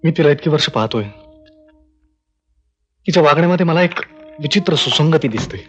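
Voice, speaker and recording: A man's voice: on the high side, expressive, fairly quick. An actor playing a grown son who speaks earnestly to his mother in a film drama.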